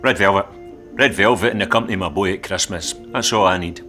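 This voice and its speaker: An actor playing a teasing, sly older Scottish granddad in a comedy sketch, with a dry, mocking manner. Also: male voice, sits low, quick pace, bright, forceful tone, soft background music.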